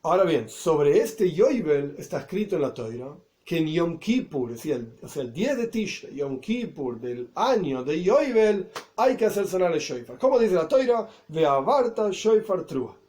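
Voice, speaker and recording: A man's voice: fairly high pitch, sing-song, normal speed, dark tone. A man teaching a Talmud lesson as a rabbi, reading Hebrew and Aramaic phrases and explaining each one in Spanish, with asides and self-corrections.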